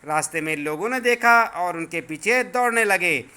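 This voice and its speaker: A male teacher explaining a school lesson to children, patiently repeating words slowly so they learn the pronunciation. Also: sits high, animated, bright, forceful tone, clean tone.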